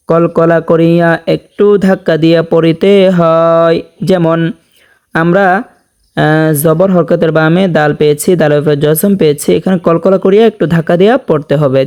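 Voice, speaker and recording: Man teaching Quran recitation, bright high voice. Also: clean tone. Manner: explains rules briskly, then draws out verses in slow melodic chant. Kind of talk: tajweed lesson with slow chanted recitation.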